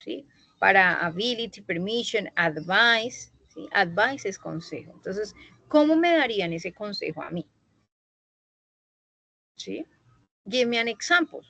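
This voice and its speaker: A woman's voice: medium pitch, expressive, creaky, pushed and bright, dry recording, poor audio. Woman teaching english grammar online, patient, keeps checking in, dry sound. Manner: patient, explaining slowly and checking with "¿sí?". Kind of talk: online bilingual class. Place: online meeting recording.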